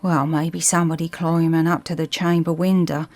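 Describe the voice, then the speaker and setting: A woman's voice: low-pitched, level tone, normal speed, darkish tone. A blunt village smith acted by a woman from a storybook ghost tale. He talks in a rustic Suffolk accent, needling and teasing his listener. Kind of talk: storybook character reading.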